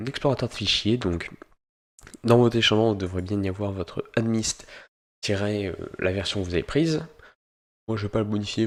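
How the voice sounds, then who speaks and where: A man hosting a software tutorial, explaining each step in turn and often pausing to search for words. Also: fairly low pitch. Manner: step-by-step explaining, stringing steps with "donc"; hesitant, with frequent pauses to search for words. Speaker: host of a gaming tutorial channel. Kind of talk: screen-recorded software tutorial narration.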